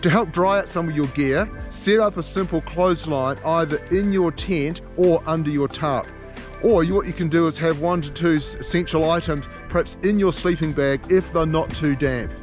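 Soft music plays behind a man whose voice runs on the high side at a moderate pace. He's an outdoor channel host in a mountain meadow by his tent, giving encouraging camping tips directly to a camera at arm's length, upbeat and instructional in tone.

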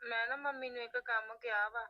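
A woman's voice: fairly high pitch, steady tone, a little fast, no echo, lightly acted. A woman playing a young married daughter in money trouble, phoning her parents and pleading in an upset voice. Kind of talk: family web drama acting. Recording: muffled, dull phone-like sound.

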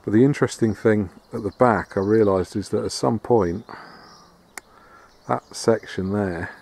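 A man restoring a farmhouse vlogs a casual walk-around tour on a handheld camera, outdoors and inside a barn, often pausing with fillers and restarts. His voice is on the low side and creaky.

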